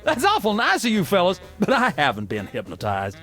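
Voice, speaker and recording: A dim cartoon game president in a very high voice that swings widely. He rambles in a folksy, oblivious way, with music behind him. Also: huge pitch swings, a little fast, fairly bright tone, exaggerated voice. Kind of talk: comic cartoon game acting.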